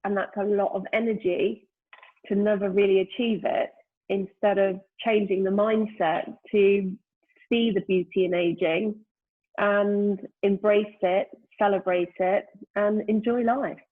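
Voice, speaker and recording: A guest in her fifties, the founder of a brand, speaks at a measured pace in a medium-pitched, fairly evenly intoned voice. The casual interview is reflective; she talks thoughtfully, often filling searches for words with "you know." The remote lockdown call has a tinny, phone-like quality.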